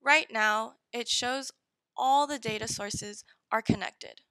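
A woman with a fairly high, bright voice narrates a software tutorial step by step, giving short, direct instructions. The sound is dry and close to the mic. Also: slow, dry recording, rough recording. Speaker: software demo presenter.

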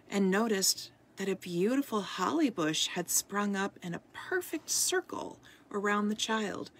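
A woman reading a storybook aloud as a podcast host, soft-spoken and at times dropping into a whisper. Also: mid-range voice, husky.

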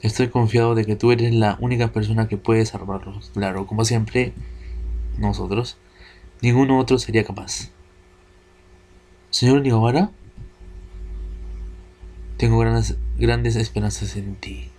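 Solemn game spirit guardian, read by a man in a low, plain voice. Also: steady tone, unhurried, long pauses, darkish tone, slight background noise.

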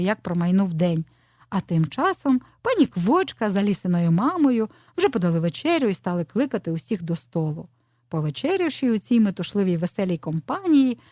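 A woman narrating a children's audio story in an expressive storytelling voice. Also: mid-range voice, no echo, studio quality.

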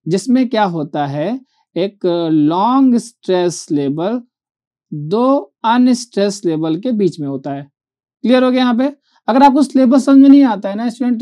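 Mellow-voiced male teacher explaining poetry. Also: high voice. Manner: keeps asking if students follow, reads verse lines slowly. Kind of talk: online poetry lecture.

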